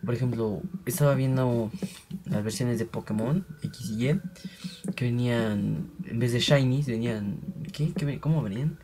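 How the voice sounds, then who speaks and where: A man's voice: medium pitch, normal speed, mellow, a little hiss or hum. A young man, rambling in casual gameplay commentary and voicing digging sounds aloud. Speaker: gaming channel host.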